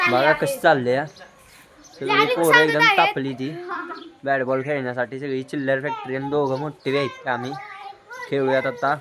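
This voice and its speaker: A man gives excited running commentary on a game of rooftop cricket for his vlog, calling out to the kids and to his viewers. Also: mid-range voice. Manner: lively, calls out to kids and viewers. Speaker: vlogger. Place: outdoor rooftop terrace.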